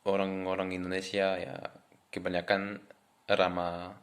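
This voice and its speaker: A man's voice: low-pitched, monotone, a little slow. A young French man with a French accent, speaking Indonesian as a foreigner in a casual, hesitant vlog introduction to camera. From France. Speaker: vlogger introducing himself.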